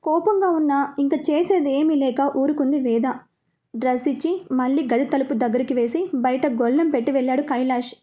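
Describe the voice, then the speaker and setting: A woman narrating a romantic story in an even, unhurried way. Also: high-pitched.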